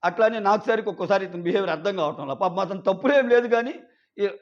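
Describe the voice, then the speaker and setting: Male show reviewer, chatty recap that slips into quoted lines, thin muffled sound. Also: high-pitched. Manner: retells scenes, quoting contestants in quick acted snippets. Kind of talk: casual episode recap. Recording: dull lo-fi audio.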